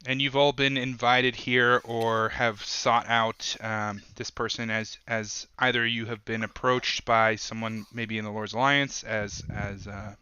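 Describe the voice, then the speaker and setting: Bright, even-toned male dungeon master. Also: fairly low pitch, clean tone, no echo, rough recording. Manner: halting, with many ums and uhs. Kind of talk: narrating a tabletop game.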